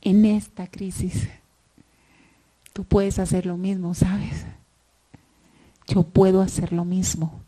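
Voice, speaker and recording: Slow, hushed woman preacher. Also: level tone. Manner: slow, dropping to near whispers for scripture and rising to fervent high cries. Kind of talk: Sunday sermon.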